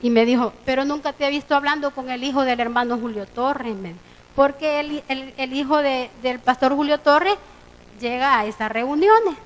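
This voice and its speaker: A woman's voice: sits high, normal speed, low-quality recording. A woman with a Salvadoran Spanish accent preaching a sermon, retelling conversations as she goes. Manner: storytelling, quoting conversations with lively voicing. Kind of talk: sermon with retold dialogue. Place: church.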